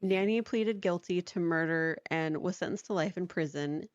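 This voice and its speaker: A woman's voice: on the low side, normal speed, no room sound. A woman co-hosting a podcast, telling a story in a casual, chatty way with lots of "like" and frequent laughter. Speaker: podcast co-host. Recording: dry, dull lo-fi sound.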